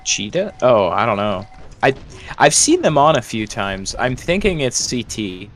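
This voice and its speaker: A man's voice: medium pitch, very animated, unhurried, soft background music. A man chatting casually with friends over voice chat during a game, often trailing off and restarting. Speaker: gamer on voice chat.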